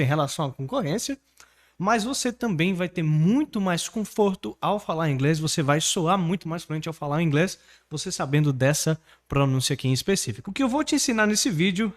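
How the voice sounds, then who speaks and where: A man from Brazil teaching English online, pitching his course and coaching pronunciation with energy. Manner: energetic, persuasive, asks the viewer to repeat words.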